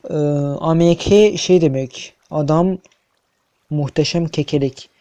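A man's voice: a little high, unhurried, mellow. A young man giving casual, chatty commentary over his own gameplay, swearing, stammering and humming to himself. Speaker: gaming youtuber.

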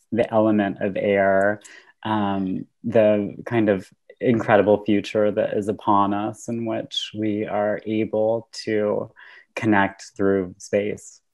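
A woman from upstate New York giving a relaxed keynote talk over a video call from home, speaking dreamily with frequent ums and soft laughs. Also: a bass voice, poor audio. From Syracuse, New York. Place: home room with bookshelves. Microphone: earbud headset on a video call.

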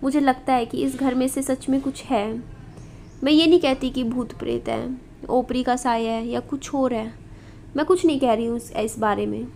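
A woman in her thirties with a high voice guides viewers through a house in a home vlog. She talks in a confiding way and keeps asking the audience questions. Faint room noise sits under her voice. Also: steady tone, normal speed, mellow. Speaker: vlogger. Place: indoors in a house.

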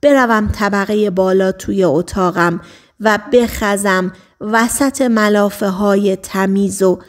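A woman's voice: mid-range voice, fairly even intonation. Woman reading a novel aloud. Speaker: audiobook narrator. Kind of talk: scripted narration.

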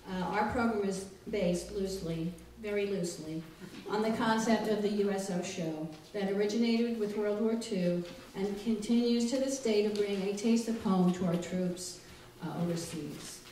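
The live welcome speech comes from a middle-aged woman, the library's director and the event's host, whose mellow, medium-pitched voice moves at a moderate pace with few pauses. Her delivery is wry, hesitant and full of jokes. An audience sits with her in a small indoor library room, and the distant mic picks up heavy echo and faint noise.

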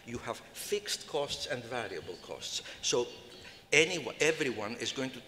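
Older man, bright, in a large hall. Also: medium pitch, expressive, unhurried. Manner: rambling, many fillers and restarts. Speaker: panelist. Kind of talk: conference panel talk. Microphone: table microphone. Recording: reverberant hall, faint noise.

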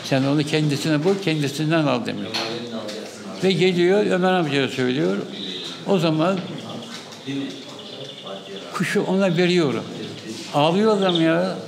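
A man's voice: on the high side, normal speed, creaky, long pauses, noisy background. A man telling a story from his past, repeating reported speech as he goes. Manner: anecdotal, repeats "he said" often. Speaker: bird keeper. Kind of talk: storytelling in interview.

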